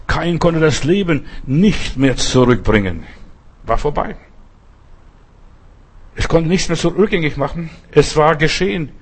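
A man's voice: fairly high pitch, lively intonation, measured pace, long pauses, husky. A man preaching a sermon, emphatic and earnest, sometimes crying out when he voices quoted lines. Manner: emphatic, rises sharply for quoted cries.

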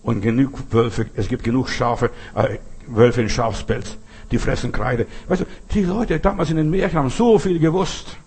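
A man preaching a sermon who talks to his listeners directly, swinging between emphatic bursts and slow, quiet lines. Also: mid-range voice, husky. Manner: addresses listeners directly with "weißt du" and "verstehst du".

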